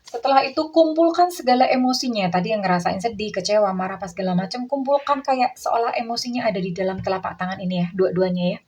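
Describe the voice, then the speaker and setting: A woman giving a tarot reading who calls herself Bunda and calls the listener darling, guiding a relaxation exercise in a soft, coaxing way that repeats words. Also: mid-range voice, fast, hardly any pauses, low-quality recording. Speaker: tarot reader.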